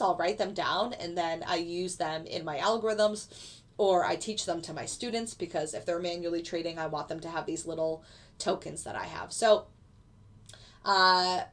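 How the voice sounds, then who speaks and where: A woman with a stuffy, congested voice from a cold, explaining her live trades casually and answering viewer questions with fillers. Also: fairly low pitch. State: stuffy nose from a lingering cold. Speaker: futures day trader streaming live. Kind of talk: live trading commentary answering chat.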